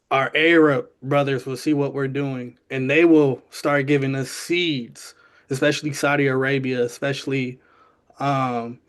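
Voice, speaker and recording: A man of medium pitch speaks up from the audience at an assembly. His delivery is earnest but hesitant, full of ums and small restarts as he works through his ideas. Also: a bit bright. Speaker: audience member asking a question. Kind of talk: earnest spoken comment.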